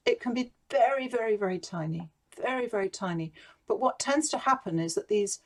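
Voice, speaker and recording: Gentle woman, mindfulness teacher, encouraging and personal, on a video call. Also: mid-range voice, vocal fry. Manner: gentle, encouraging, talks directly to participants by name. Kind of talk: guided mindfulness talk to online conference.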